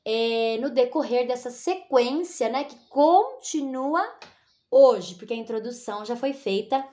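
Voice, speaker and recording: A woman's voice: on the high side, expressive, measured pace, mellow. A Brazilian woman teaching a recorded lesson, patient and repetitive, checking in with the class after almost every phrase. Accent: Brazilian Portuguese. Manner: patient, repeats tag questions like "né?" and "tá?".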